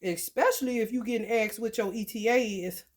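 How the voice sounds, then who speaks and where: A woman ranting to her viewers in a blunt, profane, animated storytelling way. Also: fairly high pitch, a little fast. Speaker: vlogger. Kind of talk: profane rant to camera.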